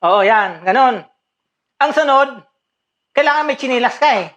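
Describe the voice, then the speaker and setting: A woman's voice: high voice, expressive, normal speed, a bit bright, dull audio. A woman playing a teasing karate teacher in a comedy skit, calling out short commands and laughing often.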